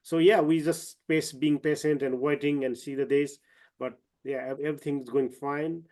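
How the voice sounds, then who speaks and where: A man from eastern Nepal, a trekking guide, talks on a video call in a slightly high voice. He speaks haltingly, full of fillers and restarts. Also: steady tone, a little mellow. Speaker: trekking guide and company owner. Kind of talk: online webinar talk.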